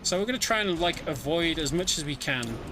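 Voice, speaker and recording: Speaking a little fast and with plenty of expression, this slightly high-voiced man narrates his own speedrun live, telling the game's story in a chatty, wry way. Game music plays in the background of his home setup during a streamed online event.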